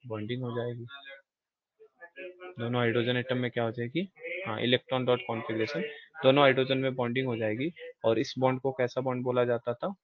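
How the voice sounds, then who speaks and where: A man's voice: medium pitch, flat delivery, brisk. A male chemistry teacher running a live class. He coaxes students with questions, calls them "beta" and mixes in English terms. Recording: dull lo-fi dry sound.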